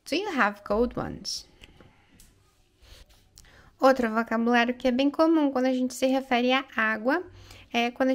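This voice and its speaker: A woman's voice: on the high side, fairly bright tone. A Brazilian woman English teacher who explains phrases in Portuguese and keeps checking in with "né?" and "ok?". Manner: slow, careful delivery with frequent check-ins like "né?" and "ok?"; reads English lines aloud slowly and clearly.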